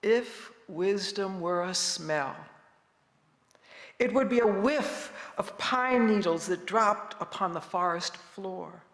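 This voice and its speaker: Elderly woman in her seventies, gravelly creak, calm and gentle, wise, unhurried, poetic reflection, reverberant hall. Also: mid-range voice. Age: 70s. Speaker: retired minister, guest speaker. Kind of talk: poetic spoken reflection to a congregation. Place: large reverberant indoor room, speaking to a congregation. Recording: echoey hall with long reverb.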